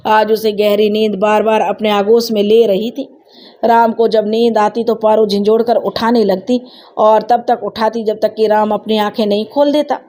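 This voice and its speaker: Mellow-voiced woman narrating a story. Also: medium pitch.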